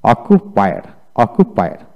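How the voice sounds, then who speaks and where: A man teaches a video lecture, saying each word several times and spelling it letter by letter. His voice is dark and mellow, but his pitch leaps up and down as he stresses the words. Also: huge pitch swings, a little slow, vocal fry, highs cut off. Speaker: English teacher.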